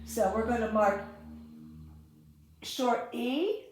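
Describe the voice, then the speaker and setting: A woman's voice: on the high side, takes it slowly, a little mellow, a little hiss or hum. A woman teaching phonetics informally, sounding out single letters and syllables in short, staccato bursts. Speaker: teacher leading a phonetics lesson. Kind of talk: informal step-by-step lesson. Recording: echoey room.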